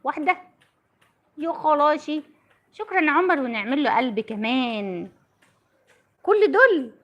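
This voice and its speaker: High-voiced doting Egyptian mother. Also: lively intonation, normal speed, dull audio. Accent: Egyptian Arabic. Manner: chatty and doting, laughs often. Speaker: mother filming her child. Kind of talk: casual family vlog on a phone call.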